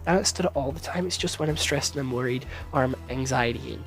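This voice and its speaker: A man with a medium-pitched voice rambles casually through a series review, with faint music in the background. He gets excited, swears a lot, and sometimes trips over his words when he speaks quickly.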